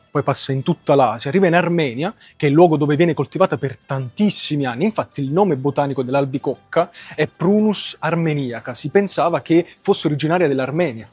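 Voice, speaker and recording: Higher-pitched, husky Neapolitan man. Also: a little mellow, dry recording. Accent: Neapolitan Italian. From Naples area, Italy. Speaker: presenter. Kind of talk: educational storytelling narration. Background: music.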